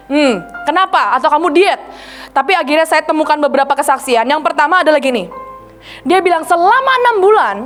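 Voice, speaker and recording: A woman evangelist preaching a sermon, retelling testimonies and acting out the people she quotes in a lively way. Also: high voice.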